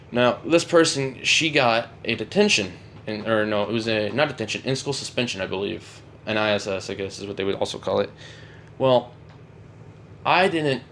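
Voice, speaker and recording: A man's voice: lowish voice, fairly bright tone, slight background noise. A young man casually rambling through a storytime about his past, often correcting himself. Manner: rambling, self-correcting, shrugging off. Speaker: vlogger.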